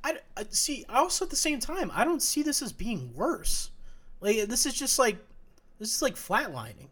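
A young man co-hosting a casual sports podcast, talking in halting bursts full of restarts and fillers. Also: very high-pitched, big pitch swings, a bit bright, slightly rough. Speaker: podcast co-host.

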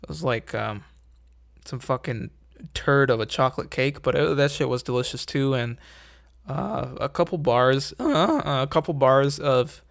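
A man's voice: mid-range voice, a little slow, gravelly. Young male host, casual profane rant, wry and rambling.

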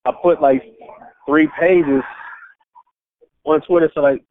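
A man calling in over the phone, talking in a casual, halting way that repeats words and leans on fillers. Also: a little high, fairly even intonation. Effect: heard over a phone line. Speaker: caller pitching his book. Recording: tinny phone line with faint hiss.

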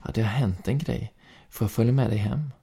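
A man voicing a quiet, withdrawn, mysterious teenage girl in a read-aloud story, in a soft, reserved way. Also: medium pitch, vocal fry, breathy edge. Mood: urgent.

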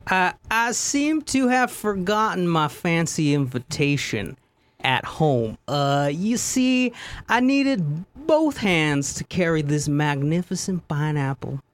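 A woman doing a nervous, dim young gentleman. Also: lowish voice, big pitch swings. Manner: hesitant, halting, fillers.

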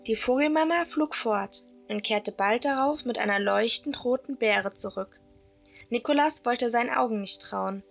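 Gravelly-voiced woman narrating a story. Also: on the high side, moderate pace, fairly bright tone, faint music behind. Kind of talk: storybook narration for a radio play.

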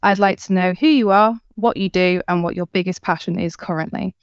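A woman's voice: fairly low pitch, fairly quick, smooth, dry recording, lo-fi sound. A woman hosting a podcast, reading the intro and handing over to guests in a friendly way. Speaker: podcast host.

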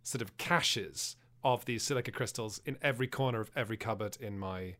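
A man from England co-hosting a podcast, joking with deadpan exaggeration. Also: fairly low pitch, fairly quick. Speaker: podcast co-host. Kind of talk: casual chat.

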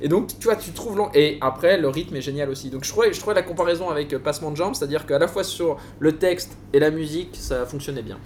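Enthusiastic higher-pitched man in a roomy space. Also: fast talker, hardly any pauses, darkish tone. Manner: enthusiastic, explanatory. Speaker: guest author on a football and music show. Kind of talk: casual discussion. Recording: roomy echo, faint background noise.

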